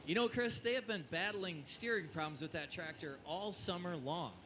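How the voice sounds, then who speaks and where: A man's voice: high voice, moderate pace. A man working as a tractor pull announcer, giving live commentary with driver background and stats. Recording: clear engine and vehicle noise behind. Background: vehicle noise at a tractor pull.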